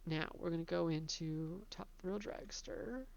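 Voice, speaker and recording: A woman casually narrating a tour of her own theme park, chatty and relaxed, laughing between remarks. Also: fairly low pitch, unhurried, creaky, highs cut off.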